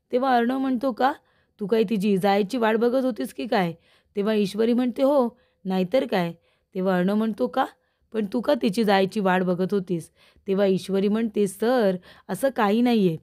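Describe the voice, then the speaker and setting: Brief: woman narrator, soft mellow tone, steady recap of serial dialogue, keeps addressing viewers. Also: medium pitch. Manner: repeatedly addresses the audience as viewers; steady storytelling, quoting each character in turn. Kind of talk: retelling episode dialogue to viewers.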